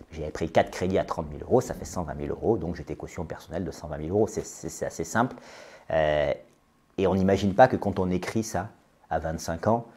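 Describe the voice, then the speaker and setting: A man nearing forty talks through a podcast interview in a deep, dark, mellow voice. He hesitates constantly, filling pauses and repeating words as he goes. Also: breathy edge. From France. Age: 30s. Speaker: interview guest, business owner.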